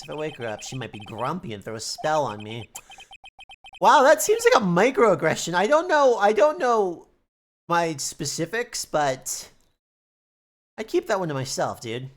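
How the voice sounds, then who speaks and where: Low, animated woman streamer. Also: fairly quick. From United States. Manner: sarcastic, swears, jumpy pitch. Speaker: streamer playing a game. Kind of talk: casual let's-play commentary, reading game text.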